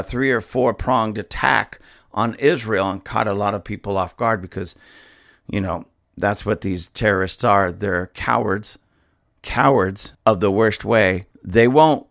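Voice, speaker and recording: A pastor delivers impassioned podcast commentary, indignant, emphatic and repetitive. His lowish voice has a fairly bright tone and a hoarse, dusty throat.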